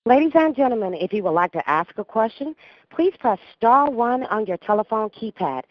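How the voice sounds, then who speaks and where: Female call operator, very lively intonation, scripted announcement, slightly muffled phone sound. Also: fairly high pitch, normal speed, dry recording. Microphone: telephone conference call. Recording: dull, dry telephone line.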